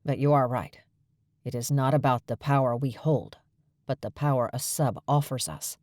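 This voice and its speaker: Woman voicing a gravelly male dragon shifter, blunt, lecturing, low voice, dry close sound, audiobook. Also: steady tone, moderate pace, a little mellow, dry recording. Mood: stern.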